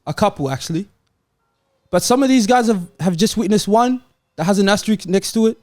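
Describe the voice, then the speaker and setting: Soft background music plays beneath this man's high, slightly mellow voice, which comes across animated and fairly quick with no echo. As a football podcast co-host, he performs a comic, mock-sad monologue for his friends, sounding plaintive and melodramatic.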